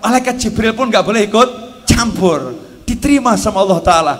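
A man's voice: high-pitched, lively intonation, fairly quick, in a large hall. A man with a Javanese accent preaching a jokey sermon, acting out little voices and slipping into Javanese phrases at a large gathering. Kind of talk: humorous sermon.

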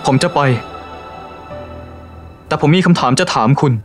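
A man's voice: a little slow, faint music behind, lightly acted. An actor playing a persistent male con man who poses as a prince, in a dubbed drama. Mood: pressing. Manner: persistent, challenging, pleading.

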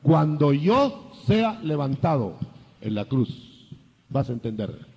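An older man preaching a sermon, lively, acting out biblical dialogue in changing voices. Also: a little high, slow pace, slightly rough, big-room sound.

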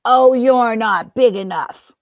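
Storybook: woman doing a loud, grouchy, pint-sized ladybug picking fights, higher than her own voice, muffled dry recording. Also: moderate pace, dry recording, close to an everyday voice. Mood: challenging. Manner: loud challenging shouts.

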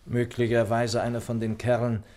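A man's voice: medium pitch, completely flat delivery, moderate pace, a little mellow, natural voice. A man playing an inquisitive doctor, a detective's companion, in a German radio play. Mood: curious.

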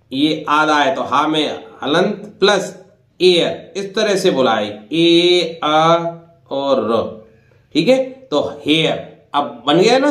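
Slow, patient Hindi-speaking teacher, high-pitched man. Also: a bit bright, roomy sound. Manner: slow, patient explaining with frequent "dekhiye" and "bhai". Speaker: English teacher. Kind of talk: Hindi-medium English pronunciation lesson.

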